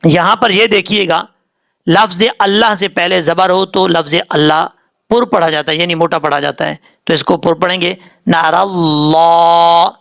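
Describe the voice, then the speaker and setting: A man gives a tajweed lesson in a fairly high voice with a gravelly, creaky edge. He sounds out each syllable slowly and rattles through his explanations. When he recites, his chant rises and stretches out. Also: steady tone, a bit bright. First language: Urdu. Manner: spells syllables slowly, then explains quickly; chants verses in a raised, drawn-out tone. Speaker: Quran recitation teacher.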